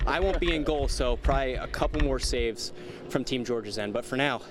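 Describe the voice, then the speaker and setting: A man's voice: mid-range voice, fairly quick. Breathless male reporter at an ice rink. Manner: self-mocking and joking. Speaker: sports reporter. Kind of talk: on-site field report. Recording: loud rink noise.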